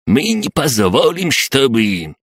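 A man's voice: mid-range voice, big pitch swings, slow pace, fairly bright tone, husky, no echo, voice pushed up, full character voice. A man voicing a cranky, threatening old man with a cane in an audiobook. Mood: angry. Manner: barking, threatening.

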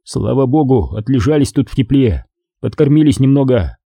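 A man's voice: mid-range voice, expressive, normal speed, vocal fry, mellow, husky, dry recording. A man playing a firm sergeant, Fomichyov. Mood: firm command. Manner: curt, authoritative.

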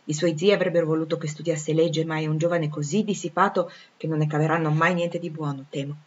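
A woman voicing a warm-hearted young former nursemaid, talking in an eager, gossipy, affectionate way, in a dull lo-fi recording. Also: low voice, steady tone, fast, natural voice. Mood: chatty.

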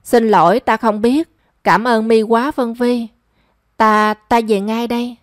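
A remorseful young woman pleads and worries aloud, as a woman narrator voices her. Her voice is a little high and sounds dry and close. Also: fairly even intonation, measured pace, no room sound, lightly acted. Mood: anxious. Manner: pleading and emotional. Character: young daughter, remorseful and anxious.

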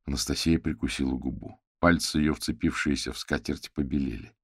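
A man reads a novel aloud in a steady, measured way. His voice is very low and gravelly, recorded close and dry. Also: no room sound. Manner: measured storytelling. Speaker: audiobook narrator. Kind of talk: scripted narration.

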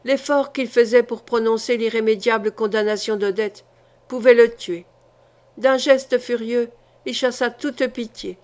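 Woman, audiobook narrator, fairly high voice, measured, dramatic reading of a historical novel. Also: fairly even intonation, a little mellow. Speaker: audiobook reader.

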